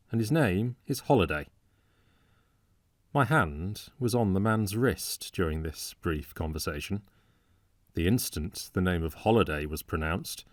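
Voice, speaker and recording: Male audiobook narrator, measured and low-pitched; dry close-mic studio read. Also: dry recording.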